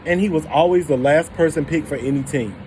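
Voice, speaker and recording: A storybook reader with a slightly high voice reads a children's picture book aloud at a fairly quick pace, pausing to ask young listeners questions. His tone is a little mellow, the recording is rough, and some ambient noise sits behind him.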